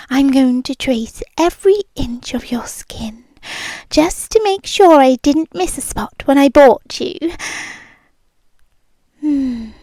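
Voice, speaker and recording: This British-accented woman performs an ASMR roleplay as a possessive, obsessed young girlfriend, using a soft, breathy, high whisper with lively intonation. Her delivery is very slow and intimate, every word drawn out with menacing sweetness. A close microphone gives a dry recording with no room around it.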